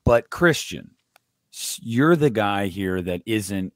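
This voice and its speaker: Male podcast host, very deep voice, dry close sound; relaxed, asks questions to keep the talk moving. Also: slow pace, dry recording. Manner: conversational, steers the talk with questions. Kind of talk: casual podcast chat.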